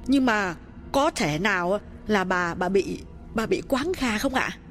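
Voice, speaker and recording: A man's voice: high voice, expressive, unhurried, fairly bright tone, soft background music, pitched above the performer's own voice, exaggerated voice. A man voicing an eager, anxious young female servant who asks curious, pleading questions.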